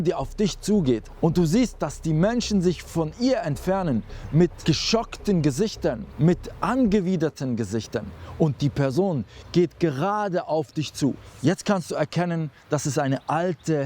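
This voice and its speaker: A man's voice: a little high, warm tone. A young adult male preacher telling a vivid sermon story straight to the listener. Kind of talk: dramatic sermon.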